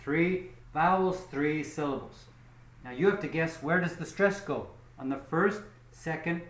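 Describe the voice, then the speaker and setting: Male teacher, slightly high voice, very slow and deliberate, echoey room; keeps asking "okay?" after each point. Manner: checks in with frequent "okay?"; slow and deliberate, stretching example words. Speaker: English pronunciation teacher. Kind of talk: slow, patient spoken lesson.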